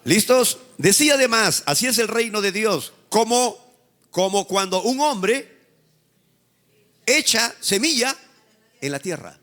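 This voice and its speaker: A man's voice: high voice, sing-song, a little slow, pauses often, fairly bright tone. A male pastor with a Peruvian Spanish accent preaching a sermon to a live congregation, calling on the people to repeat his words after him and teasing them as he exhorts them. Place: church service with a live congregation.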